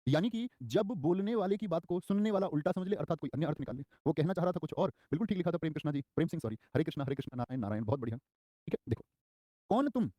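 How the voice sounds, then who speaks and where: A man's voice: on the high side, expressive, racing, mellow, no echo. A young man teaching Hindi grammar in a live online exam-prep class, quizzing his students and repeating key terms with lots of energy. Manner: acts out short quoted lines in a raised voice.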